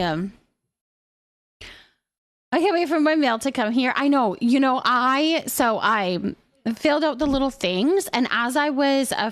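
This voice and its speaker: A woman with a voice on the high side chats away on a relaxed livestream. As she goes through comments and replies to them, she tends to repeat her phrases affirmingly.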